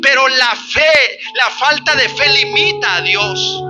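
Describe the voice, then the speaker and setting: A man's voice: very high-pitched, lively intonation, slow pace. A man preaching a sermon with passion, repeating his phrases for emphasis. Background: music.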